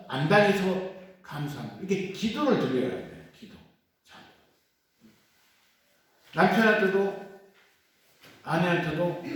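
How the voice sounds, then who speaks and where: A middle-aged man teaching a catechism class, with a lively, swooping delivery as he acts out prayers. His voice is fairly high and sounds distant in a heavily echoing hall. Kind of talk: catechism lecture. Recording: very echoey room, voice from far off.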